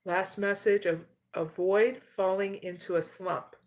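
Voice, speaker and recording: A woman doing an oracle card reading who keeps tagging her sentences with "okay?" and slows down to read out each card. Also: mid-range voice, fairly even intonation, a little mellow. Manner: slow and deliberate when reading card names. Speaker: tarot reader.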